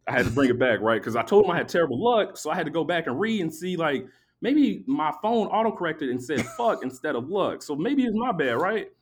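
A sleepy man hosting a podcast, telling a long story in a casual, animated, profane way and acting out both sides of the exchange. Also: on the high side, brisk. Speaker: podcast host.

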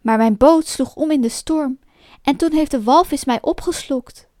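A woman voicing an old, gentle woodcarver father in a storybook reading, speaking warmly and emotionally. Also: high voice, normal speed, dry recording, clean studio sound, natural voice. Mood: earnest. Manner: warm, emotional.

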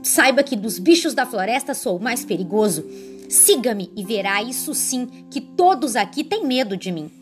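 A woman's voice: fairly high pitch, very animated, soft background music. A woman voicing a small, clever, boastful male mouse in a children's storybook reading. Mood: sly proud. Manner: quick-witted, proud storybook voice.

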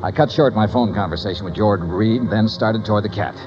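A man's voice: lowish voice, fairly quick, over music, close to an everyday voice. An actor playing a wry, hardboiled male investigator who narrates in first person and questions people in a dry, wisecracking way, in a 1950s radio drama. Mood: narrating. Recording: dull lo-fi 1950s radio recording.

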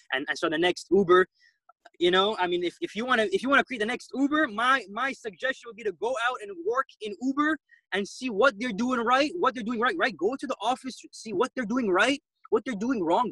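A man talks fast and emphatically in an interview, often repeating words as he drives a point home. His voice sits a little high for a man. The sound is dry and close. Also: a bit bright, no room sound, poor audio. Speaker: guest entrepreneur. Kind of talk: interview answers.

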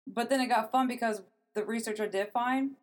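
A woman's voice: a little high, fairly quick. A young adult woman co-hosting a podcast, casually telling a story she looked up, swearing and laughing as she goes. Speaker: podcast co-host telling a true crime story.

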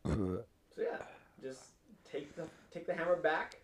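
A man's voice: fairly high pitch, very animated, slow, echoey room, slight background noise. A man co-hosting a casual podcast, rambling with lots of fillers and swearing freely. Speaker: podcast co-host.

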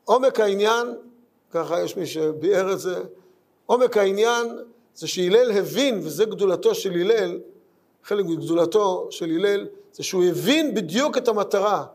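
A man's voice: high voice, expressive, a little mellow. A man giving a Talmud lesson in an earnest way, asking rhetorical questions and repeating his points. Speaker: Torah teacher.

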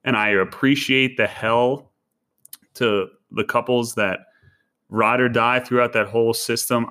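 Chatty young man with a lowish voice. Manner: animated, chatty, slangy. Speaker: podcast co-host. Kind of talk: casual chat.

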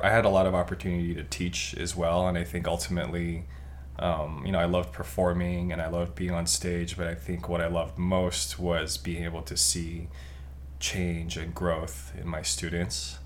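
A young man from Taiwan, a guest on a podcast, talking in an earnest, reflective way with many pauses and restarts. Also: low voice, flat delivery, fairly bright tone, slight background noise. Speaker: podcast guest, physical therapist. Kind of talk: casual podcast chat.

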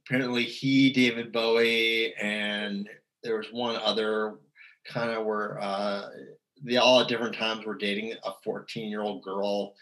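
A man's voice: on the low side, little pitch movement, measured pace, fairly bright tone, rough recording. A man in casual conversation, talking at length with many fillers and restarts. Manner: rambling, chatty, lots of fillers and restarts. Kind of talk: casual music chat.

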